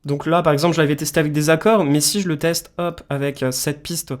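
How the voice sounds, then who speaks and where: Talking at a quick pace, a man with a slightly high voice and fairly even intonation leads a music production tutorial. It's a casual screen-share session, and he explains each step informally.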